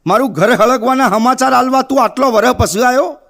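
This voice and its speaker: A man doing an unhurried village headman. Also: very high-pitched, creaky, a bit bright, voice pushed up, full character voice. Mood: calm, wry. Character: rustic village headman, unbothered and philosophical.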